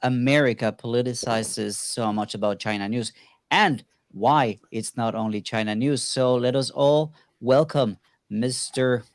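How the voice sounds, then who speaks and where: A man's voice: medium pitch, measured pace, dry recording, clean studio sound. A man hosting a livestream panel and chatting casually with the others. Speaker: show host.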